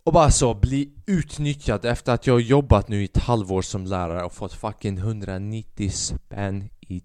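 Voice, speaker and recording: Rambling low-voiced podcast host. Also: male voice, darkish tone, clear, resonant tone, dry recording, clean studio sound. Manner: rambling, restless, swearing often, mixing in English. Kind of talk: casual solo monologue.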